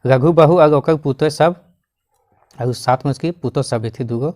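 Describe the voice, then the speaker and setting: A man teaching, who reads a line in a regional dialect and then explains it in plain Hindi, often coughing and clearing his throat. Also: fairly high pitch, normal speed, a little mellow. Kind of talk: explaining a Khortha text line by line.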